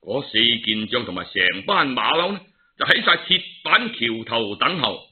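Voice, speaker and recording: Over a narrow, phone-like line, a Cantonese-accented man dramatically narrates a traditional tale in colloquial, theatrical storytelling crowded with exclamations. He's very animated at a medium pitch and a moderate pace.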